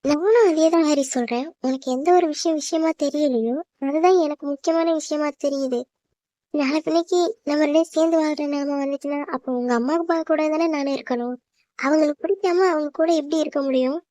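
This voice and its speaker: A woman's voice: sits high, brisk, dark tone, no echo, studio quality, natural voice. A woman voicing an anxious, emotional young orphaned woman in a cartoon drama. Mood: pleading. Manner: pleading, emotional.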